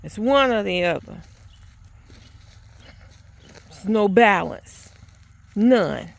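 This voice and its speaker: Slow, earnest woman preaching outdoors. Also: medium pitch, animated, gravelly. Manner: earnest, preachy and exasperated, with frequent restarts. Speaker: vlogger. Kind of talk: spoken outdoor vlog monologue. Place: outdoors in a rural yard or garden.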